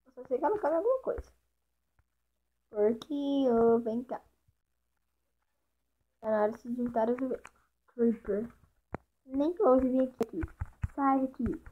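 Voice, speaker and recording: A woman's voice: high-pitched, animated, moderate pace, pauses often, breathy edge. Chatty mineira woman narrating gameplay. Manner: chatty, talks to the animals and viewers as she plays. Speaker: gaming channel host. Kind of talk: casual Minecraft gameplay commentary. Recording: tinny lo-fi mic with faint hiss.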